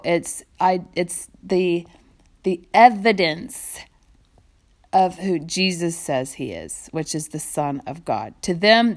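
A woman informally explaining a Bible passage, talking conversationally and paraphrasing the verses, recorded on a phone. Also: on the low side. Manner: conversational, paraphrasing, animated when quoting. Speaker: Bible teacher.

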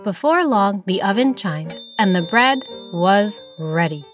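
Woman, storyteller, children's story narration, slow, lively pitch, faint music behind. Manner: expressive storybook reading.

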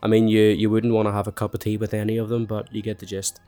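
A man's voice: lowish voice, monotone, quick pace, dark tone, soft background music. A young man hosting a podcast, chatty and self-mocking, sounding nasal and bunged up. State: congested with a cold. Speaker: podcast host. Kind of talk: casual podcast monologue.

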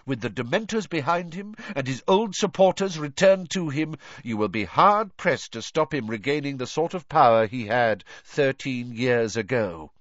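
A man voicing a calm, authoritative, powerful elderly wizard with a cool, measured manner for an audiobook. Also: mid-range voice, no echo, dull audio, pitched above the performer's own voice, lightly acted. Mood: urgent, commanding.

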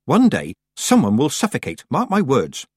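A man's voice: mid-range voice, huge pitch swings, normal speed, husky, dry recording, clean studio sound, voice pushed up. Man putting on a sniffy, fussy, sour woman. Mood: fussy, gloomy. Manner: sniffy, grumbling, gloomy. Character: sour, skinny, worried woman, disapproving household helper.

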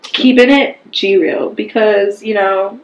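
A woman's voice: medium pitch, fairly even intonation, takes it slowly, slight background noise. A young woman co-hosting a podcast in casual chat, slangy and playful, laughing as she talks. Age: young adult. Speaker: podcast co-host. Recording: echoey room.

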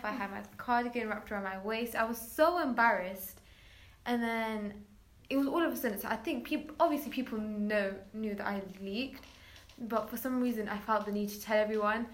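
Girl telling a story, kinda high voice, says like a lot, does the voices of people she quotes. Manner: chatty, many "like" fillers, acts out quotes. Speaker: guest. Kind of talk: casual storytelling.

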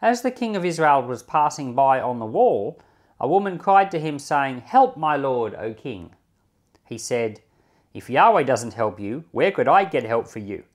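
A man who is a pastor and hosts a Bible podcast reads scripture expressively and then comments on it in an informal way. His voice sits in the mid range.

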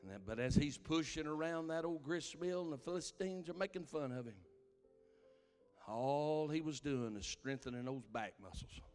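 A man preaching a sermon, impassioned, his delivery swelling into shouted cries. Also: on the high side, moderate pace, in a large hall, faint music behind. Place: church sanctuary.

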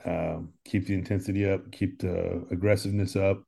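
A man in his thirties with a low, gravelly American voice, talking as a firefighter guest in a casual podcast chat. He speaks earnestly and often doubles back on his words. The voice sits below most men's and has a rough, crackly edge. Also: little pitch movement, normal speed, warm tone. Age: 30s. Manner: earnest, repeats words while thinking.

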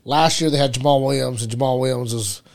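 A man's voice: medium pitch, fast, creaky. A man co-hosting a casual sports chat, talking like a frat bro with slangy, freely sweary banter. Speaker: podcast co-host.

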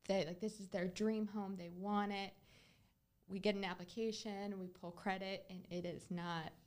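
A woman's voice: mid-range voice, fairly even intonation, moderate pace, darkish tone. A woman hosting a podcast, talking casually and earnestly as she tells a client story. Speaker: podcast host, real estate agent.

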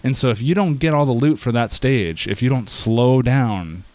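A man in casual chat explaining how something works, excitable, often restarting his sentences and acting out quoted reactions. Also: mid-range voice, normal speed, no echo.

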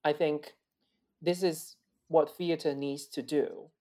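Taking his time, a male opera singer from China reflects earnestly in an interview conversation, frequently restarting sentences and repeating words. His high voice is warm, with fairly even intonation.

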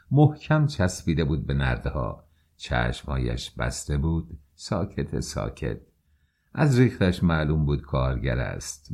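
Brief: male audiobook narrator, low, warm tone, slow emotional delivery. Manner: emotional, slow dramatic reading. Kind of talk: scripted story narration.

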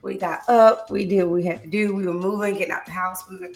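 Hoarse woman hosting, voice nearly gone. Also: medium pitch, fairly even intonation, fast talker, roomy sound. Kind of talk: casual co-hosted chat show.

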